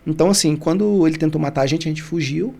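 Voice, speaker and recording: This Brazilian man, a barbershop founder on a podcast, has a fairly high, gravelly voice with a darkish tone and talks fast. He retells a personal story with emotion, restarting sentences often and acting out the voices of the people involved.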